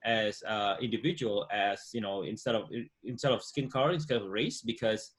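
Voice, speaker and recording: An Indonesian entrepreneur in his forties joins a casual interview as an easygoing guest over a webcam call from a room at home. His voice is lowish and his pace normal, and he sounds relaxed, using lots of fillers and "you know."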